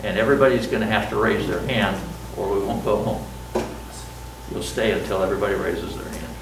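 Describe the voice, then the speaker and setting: A man's voice: lowish voice, brisk. An older man teaches a college class while wearing a mask, chatting, asking questions and poking fun at himself. He is picked up from across a roomy classroom, with faint ambient noise behind him. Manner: chatty, asks the class questions, self-joking. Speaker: college instructor. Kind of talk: classroom lecture. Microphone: masked, speaking in a classroom. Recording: roomy classroom sound from a distance.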